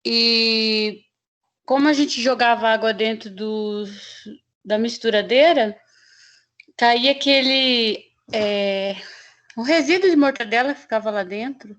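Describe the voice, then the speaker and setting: A woman student recounting a workplace accident in an online class, rambling and animated with many restarts, heard over a video call. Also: a little high, slow. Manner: animated, rambling storyteller with frequent laughs and restarts. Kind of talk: telling a story in an online class.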